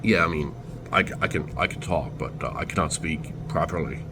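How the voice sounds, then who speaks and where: This vlogger from Turkey speaks in a deep voice, telling a relaxed story in a halting way with frequent restarts and self-corrections. Noisy ambience fills the background.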